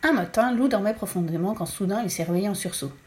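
A woman's voice: mid-range voice, quick pace. Woman reading a children's storybook aloud. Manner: lively, expressive. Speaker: narrator.

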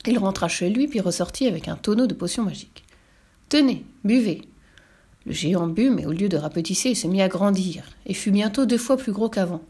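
A woman narrating a storybook in a lively, playful way. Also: medium pitch, fast talker, few pauses, breathy edge. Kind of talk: storybook reading.

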